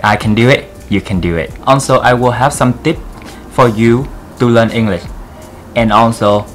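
A man's voice: mid-range voice, moderate pace, soft background music. A man from Vietnam with a thick Vietnamese accent, speaking earnestly to camera in simple, broken English to encourage others. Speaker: vlogger. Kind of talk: encouraging vlog talk to camera.

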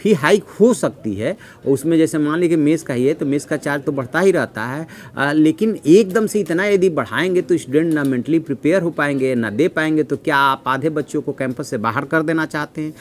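Reading numbers off his notes, a middle-aged analyst offers a measured news commentary from his indoor newsroom office. He sounds a little high-pitched and often fills gaps with "uh."

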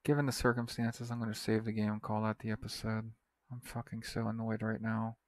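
A man's voice: fairly low pitch, little pitch movement, a little fast, no room sound. A man giving casual commentary while playing a strategy game, muttering to himself and swearing in frustration. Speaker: gaming video creator.

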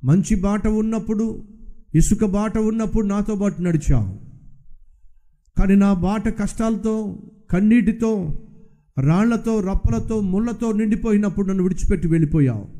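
A man's voice: high voice, normal speed, long pauses, dark tone, close to an everyday voice. A man voicing a poor, suffering man who pleads and questions God in a sermon story. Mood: pleading.

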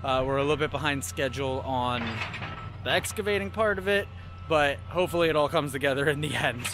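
A man in his thirties who runs a homestead vlog talks easily to a camera he holds at arm's length, starting outdoors on rural land and then moving inside a camper. His voice is fairly high, animated and a little fast, set against a noisy background. It's casual vlog narration, chatty and relaxed, aimed straight at the lens.

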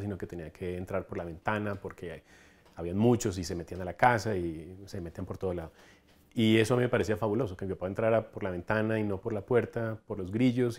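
Animated man from coastal Ecuador, lowish voice. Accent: Ecuadorian coastal Spanish. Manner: animated, enthusiastic storytelling with hand gestures. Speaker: entomologist, collections coordinator. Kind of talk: documentary interview. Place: large collection room lined with specimen cabinets, indoors. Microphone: lapel mic.

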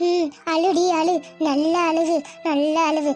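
A woman voicing a sly, spiteful young woman in a cartoon, talking in a quick, bossy, gloating way. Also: very high voice, soft background music. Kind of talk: cartoon voice acting.

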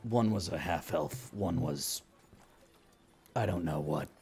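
A man playing a bewildered small-town police officer in a tabletop game, husky and hesitant, with measured phrasing. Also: low voice, darkish tone, exaggerated voice. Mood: measured, puzzled.

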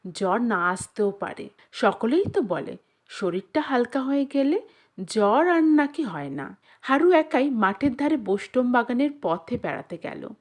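A woman reads a short story aloud as an audiobook narrator, in an expressive, unhurried way. Her voice sits fairly high and swings widely in pitch, and she takes her time over every phrase.

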